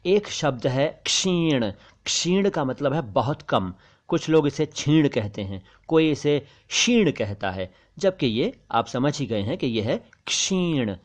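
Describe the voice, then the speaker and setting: A man teaching pronunciation, enunciating each word carefully and slowly and repeating it to contrast wrong and right sounds. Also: mid-range voice. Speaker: language teacher. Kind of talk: pronunciation lesson narration.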